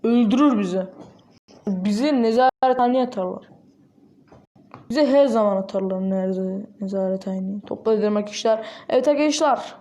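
Excitable woman with a mellow, dark tone. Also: medium pitch, normal speed. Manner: excitable, bursts of exclamations. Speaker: gaming channel host. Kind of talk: casual mobile game commentary.

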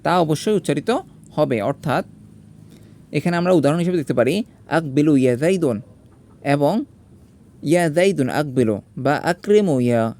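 A man's voice: a little high, lively intonation, normal speed, pauses often, darkish tone. A man teaching a grammar lesson. He spells out letters and vowel marks one by one, then asks his own questions and answers them himself.

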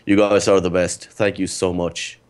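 Deep, flat-voiced nervous young man. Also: moderate pace. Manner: nervous, stutters and repeats words. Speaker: new channel host. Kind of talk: casual channel update.

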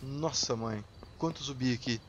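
A Brazilian man hosting a gaming channel, commenting on gameplay in casual, excitable chat and swearing freely at the viewers. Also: medium pitch, normal speed, background noise. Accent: Brazilian Portuguese.

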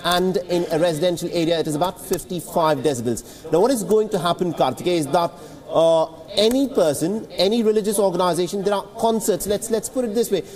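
In a TV newsroom with the acoustics of a large hall, a man in his thirties gives an earnest studio explanation as a correspondent. He speaks briskly in a high, darkish voice, repeating words as he develops each point.

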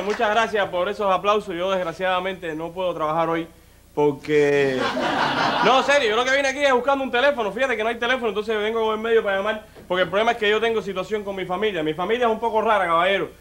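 A Cuban man with a high, slightly bright voice performs stand-up on stage, chatting directly to the audience and peppering his talk with "mira" and "óyeme." There's slight background noise.

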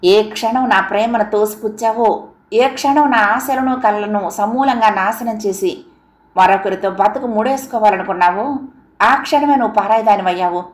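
A woman's voice: mid-range voice, moderate pace, natural voice. Woman reading a bitter jilted young man. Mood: hurt. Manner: bitter, scornful pleading. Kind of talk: audiobook character reading. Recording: roomy echo.

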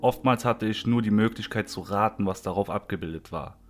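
A man reading a horror story aloud in a measured first-person storytelling manner. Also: on the low side, a little hiss or hum. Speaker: narrator. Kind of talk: scripted horror story narration.

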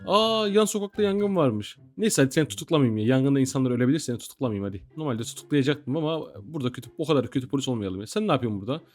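A man's voice: medium pitch, expressive, rapid-fire, hardly any pauses, darkish tone. A young man in casual, joking gameplay commentary, teasing the game characters and talking straight to his viewers. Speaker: gaming YouTuber.

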